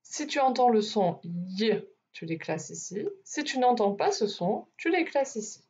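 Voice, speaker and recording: Slow, deliberate woman teaching phonics. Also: a little high, lively intonation, darkish tone, breathy edge, dull audio. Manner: slow, deliberate, over-articulated sounds. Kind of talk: phonics lesson for young children.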